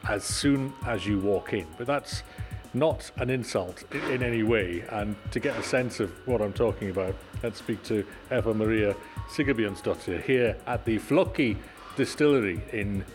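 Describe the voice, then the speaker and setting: A man hosting a radio show, interviewing a guest on location in a measured, friendly way. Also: fairly low pitch, soft background music. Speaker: radio host.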